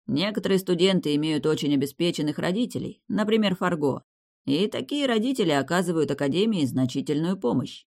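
A woman voicing a wry male academy rector who is a shapeshifter, speaking calmly and teasingly in an audiobook. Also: lowish voice, brisk. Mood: explaining. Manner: calm, teasing, matter-of-fact. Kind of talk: audiobook character reading.

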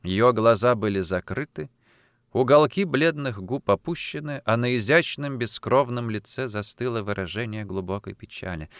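Male audiobook narrator, measured and even, smooth clear voice, dry close sound. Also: medium pitch, no room sound. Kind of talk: scripted narration.

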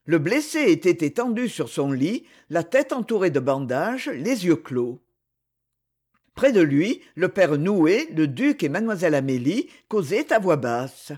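Expressive male audiobook narrator. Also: on the high side, unhurried. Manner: expressive, dramatic reading. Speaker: audiobook reader. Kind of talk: novel narration.

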